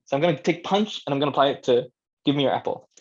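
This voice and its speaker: This workshop presenter, an audio drama director, races along in a medium-pitched, slightly rough voice. He keeps the talk informal and conversational, thinking aloud and checking with his listeners, and the recording is dull, lo-fi and band-limited.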